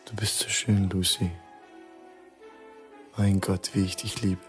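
Guy doing a worn out husband, low husky murmur, quiet and broken, old mono radio play w/ music under it. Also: level tone. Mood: weary, hushed. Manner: low, hushed and halting, growing urgent. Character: weary doomed husband Bill, middle-aged man.

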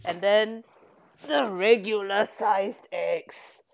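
A woman's voice: mid-range voice, very slow, gravelly. A woman co-hosting a casual vlog, rambling through a show-and-tell with lots of fillers. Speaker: vlog co-host. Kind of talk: casual chat.

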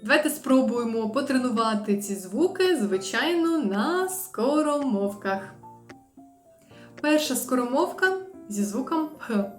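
A woman with a somewhat high voice gives a pronunciation lesson. She drills each sound slowly and with care. The room is roomy and echoey, with faint music behind her. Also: expressive. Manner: slow, careful drilling of sounds. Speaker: English teacher.

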